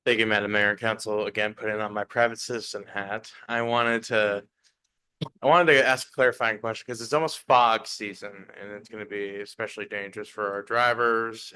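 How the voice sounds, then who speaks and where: A man's voice: on the low side, sharp tone, clear, resonant tone, rough recording. A man giving polite, earnest public comment at a council meeting, using many 'like' fillers. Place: council chamber podium.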